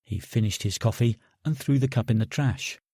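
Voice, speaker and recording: A man narrating an audiobook in a calm, steady reading voice, close to the mic. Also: mid-range voice, normal speed, breathy edge, no echo. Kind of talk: scripted narration.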